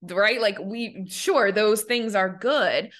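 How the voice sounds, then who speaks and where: On her podcast, a young woman who works as a money coach chats slowly in a medium-pitched, somewhat bright voice. She drops plenty of "like" fillers and acts out the quoted voices.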